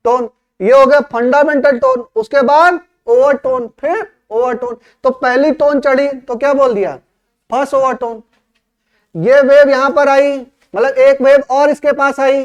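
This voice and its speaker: A man teaches physics in a classroom lecture, firing questions at his students and answering them himself. His voice sits very high for a man. The recording is dull and lo-fi.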